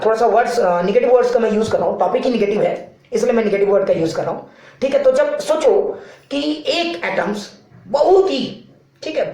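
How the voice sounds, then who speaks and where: A male physics teacher gives a casual classroom lecture, using playful analogies and often checking that students follow. His voice is very high-pitched with a darkish tone. The room is very echoey.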